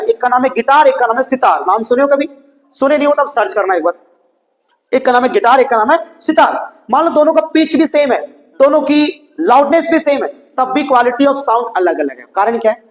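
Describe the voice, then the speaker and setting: A man's voice: extremely high pitch, expressive, normal speed, low-quality recording. A man teaching a school science lesson, asking questions and answering them himself, with English textbook phrases mixed into his explanations.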